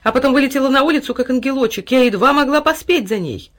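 A woman reading a fairy tale aloud, voicing a chatty, sly old neighbor woman who gushes in a brisk, talkative way. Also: mid-range voice, sing-song, voice pushed up. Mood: gushing.

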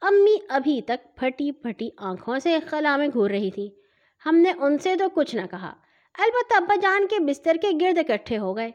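High-voiced woman reading a children's story. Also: lo-fi sound. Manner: expressive, acts out every character. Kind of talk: children's audio story narration.

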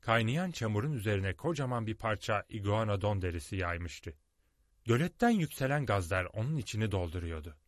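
A male narrator reads a storybook expressively and dramatically, with a rather low voice that rises and falls a great deal. His voice is dry and close, recorded in a studio. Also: animated, a little fast, no echo. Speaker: audiobook narrator.

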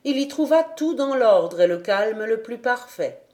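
A woman reading a children's novel aloud as an audiobook, in an expressive, measured way. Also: on the high side. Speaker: audiobook reader. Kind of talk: storybook narration.

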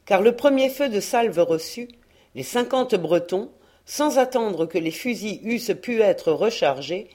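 A woman narrating a historical adventure novel in a measured, expressive reading voice. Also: mid-range voice. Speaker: audiobook reader. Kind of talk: scripted narration.

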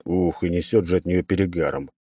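A man reading a first-person audiobook in a brisk, wry storytelling manner on a close mic. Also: low voice, dark tone, no echo. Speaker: audiobook narrator.

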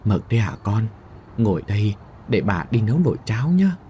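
A man's voice: medium pitch, big pitch swings, moderate pace, mellow, slight background noise, lightly acted. A man voicing a frail, trembling old mother who pleads weakly with her son, in a storybook reading. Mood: gentle. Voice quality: thin trembling old woman's voice. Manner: pleading, quavering. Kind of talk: storybook narration with voiced characters.

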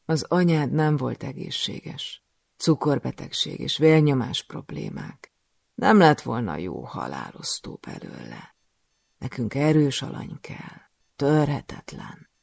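Guy doing a cruel cult master villain, slow and menacing, very gravelly, dry close sound. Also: medium pitch, big pitch swings, no room sound, heavily acted. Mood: sneering. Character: cruel scheming male cult master, pleading.

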